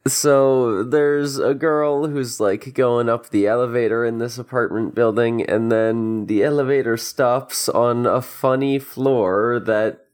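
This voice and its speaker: Podcast host with a mid-range voice, slow pace, casual and halting. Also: medium pitch, fairly even intonation, darkish tone. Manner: halting, repeats words while recapping.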